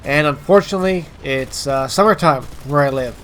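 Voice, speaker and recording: A man's voice: fairly high pitch, brisk, slight background noise. Stuffed-up man doing gameplay commentary. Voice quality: stuffed-up, congested nasal voice. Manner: emphatic, informal, addressing viewers directly. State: stuffy nose from allergies. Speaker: gaming video host.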